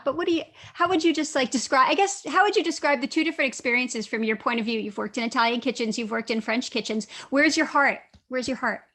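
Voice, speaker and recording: Casual woman interviewer, high voice. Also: a bit bright. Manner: casual, rambling questions. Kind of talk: conversational interview.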